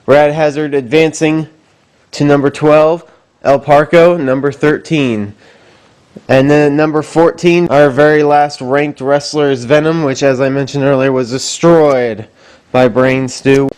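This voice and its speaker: A man's voice: fairly high pitch, fairly even intonation, measured pace, darkish tone, clean tone. A man hosting a wrestling show, announcing in promo style with emphatic, dramatic stress like a showman.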